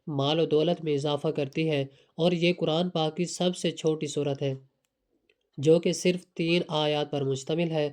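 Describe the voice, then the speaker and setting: A man's voice: on the high side, darkish tone. A man with a Pakistani Urdu accent giving earnest, repetitive step-by-step devotional instructions. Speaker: religious instructor.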